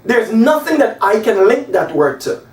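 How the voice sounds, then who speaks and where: This English lesson comes from a high-voiced Guyanese man in his forties at a whiteboard in a small room, where he gestures animatedly and spells out slow, emphatic example sentences. Heard through a camera across the room, his voice is distant and echoey.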